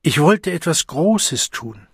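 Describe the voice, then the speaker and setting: Guy doing an overwrought lovesick young man in an audiobook, raised pleading voice, bit husky, dry sound. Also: fairly high pitch, animated, slow, no room sound, voice pushed up, full character voice. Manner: pleading, impassioned, quoting verse.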